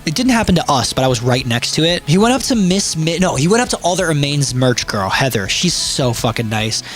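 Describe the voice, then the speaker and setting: A young man, a band singer and vocal teacher, rambling casually on a livestream, swearing freely and acting out quotes in animated voices. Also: a little high, a little fast. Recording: faint background music.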